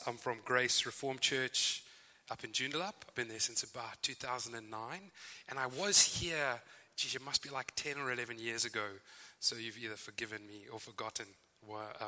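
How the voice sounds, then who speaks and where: A visiting speaker with a Zimbabwean accent preaches a sermon in a church hall, friendly and chatty, full of fillers and asides. His medium-pitched voice is bright and forceful, and the recording carries the hall's reverb.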